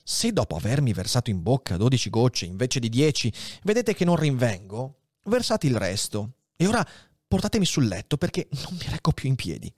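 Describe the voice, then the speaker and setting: A man's voice: medium pitch, big pitch swings, brisk, dry recording, clean studio sound. A man voicing a dying old priest in a dramatic reading of a novel, speaking weakly and often dropping to a whisper. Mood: weak, urgent. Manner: weak, hushed, often whispering. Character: dying old male priest, frail and solemn.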